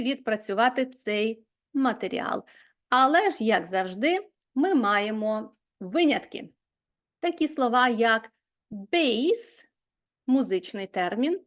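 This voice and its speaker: Lively high-voiced woman teaching slowly. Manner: lively, explains step by step and spells words aloud. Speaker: English teacher. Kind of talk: video lesson.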